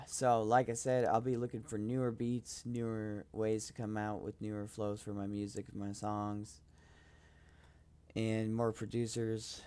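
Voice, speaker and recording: A man's voice: lowish voice, mellow, clean tone. A young man rambling casually about his music on his own podcast, hesitant and self-promoting. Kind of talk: casual solo podcast talk.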